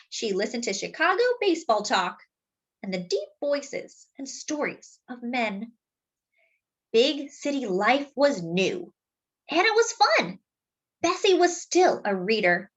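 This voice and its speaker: A high-pitched woman performs a children's book aloud in a storyteller's style. Her narration is expressive and deliberately phrased, with words drawn out for emphasis.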